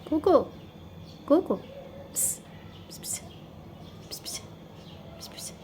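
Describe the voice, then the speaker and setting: A woman with an Egyptian Arabic accent, talking softly and coaxingly to her cat in casual pet talk. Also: slow pace, slight background noise. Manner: soft, coaxing, sing-song pet talk. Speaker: pet channel host. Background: faint birdsong outdoors.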